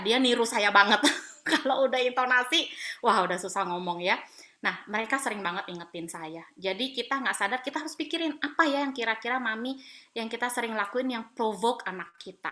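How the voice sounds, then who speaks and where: Bright, animated woman pastor preaching. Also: medium pitch. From Palembang, Sumatra. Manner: conversational, animated, mixes in English phrases. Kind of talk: women's Bible talk sermon.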